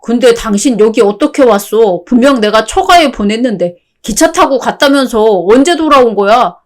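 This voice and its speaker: A synthetic voice playing a careless husband, defensive, whiny, pleading questions, radio-drama style. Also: male voice, very high-pitched, animated, moderate pace.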